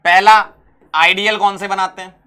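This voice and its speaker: At a normal speed and with a clean tone, a male chemistry teacher gives an exam-prep lesson in a bright, forceful, slightly high voice. He sounds animated, repeats important phrases, and answers the questions he raises.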